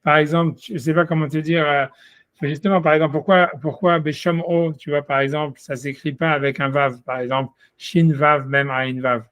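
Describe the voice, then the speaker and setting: A man with a somewhat high voice explains a text to a single student. He leans on "tu vois", repeats himself and restarts as he searches for the words. The sound is dry and close, with no room echo. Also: flat delivery, normal speed, fairly bright tone. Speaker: Talmud teacher. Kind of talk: one-on-one study session.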